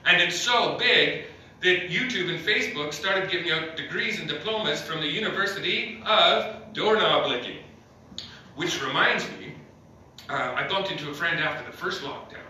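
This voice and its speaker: A man's voice: on the high side, moderate pace, pushed and bright. A man doing a stand-up comedy set in a small club with no audience, rambling, filling gaps with uh and chuckling at his own jokes. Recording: echoey room, mic at a distance, faint noise.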